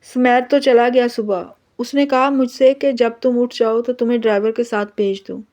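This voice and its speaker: A woman reading the part of a kind middle-aged mother-in-law who gently reassures her. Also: a little high, fairly even intonation, moderate pace, natural voice. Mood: reassuring.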